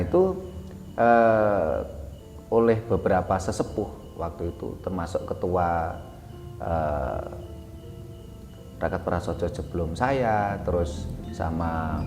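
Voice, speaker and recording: Halting man in an echoey room. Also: deep voice, darkish tone. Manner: halting, many fillers and self-corrections. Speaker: guest telling his life story. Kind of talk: casual spoken memoir. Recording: echoey room with long reverb, faint music.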